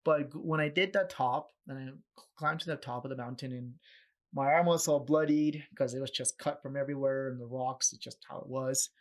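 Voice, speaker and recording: A young man from Peru, a podcast guest, casually telling a story and acting out the voices of people he quotes. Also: fairly quick. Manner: animated, acts out quoted voices with raised pitch.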